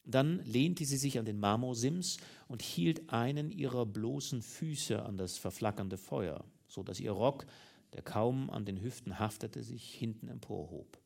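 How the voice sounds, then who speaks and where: A male audiobook reader narrates a classic novel at a measured, dramatic pace. His voice has a gravelly, creaky grain at a middle pitch. The reading is steady and storytelling in manner.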